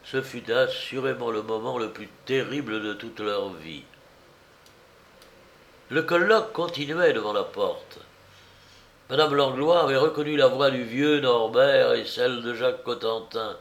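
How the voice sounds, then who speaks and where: A man reading a novel aloud as narrator, with slow, dramatic storytelling. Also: mid-range voice. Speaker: audiobook reader. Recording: roomy echo.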